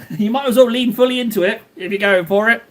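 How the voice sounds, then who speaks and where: While painting on a live stream, a man with a fairly high voice chats casually and a little fast. He rambles, makes self-deprecating jokes and banters loosely and playfully with his viewers.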